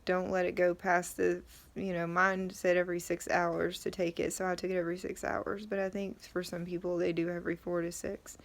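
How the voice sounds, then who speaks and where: Low, flat-toned woman, sore after tonsil surgery. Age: middle-aged. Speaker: vlogger. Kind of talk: casual talk to camera about recovery.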